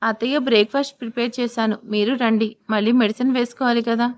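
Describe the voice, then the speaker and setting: A woman's voice: a little high, fairly even intonation, fast, close to an everyday voice. A woman voicing a teasing young wife. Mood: gentle. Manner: teasing, light.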